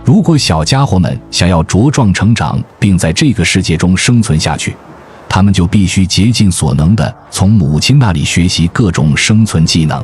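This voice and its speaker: A man reading a scripted nature documentary narration in a measured, storytelling way, as the narrator. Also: low voice, expressive. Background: music.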